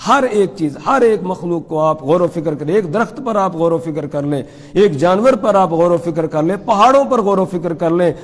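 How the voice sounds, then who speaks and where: A man giving a religious lecture that explains scripture verse by verse. He asks questions and answers them himself, and recites the verses slowly. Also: high voice, animated, in a large hall. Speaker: Quran teacher giving tafseer.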